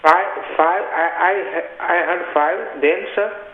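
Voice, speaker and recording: A man's voice: sits high, slow. A hotel front desk clerk, a man heard over the phone on speakerphone, answering politely and calling the caller sir. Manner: polite, adds "sir" to most replies. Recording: tinny, roomy speakerphone line.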